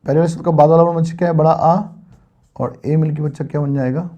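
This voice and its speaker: High-voiced man teaching grammar. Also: steady tone, quick pace, warm tone, lo-fi sound. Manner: patient, repetitive quizzing of students. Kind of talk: online Hindi grammar lesson.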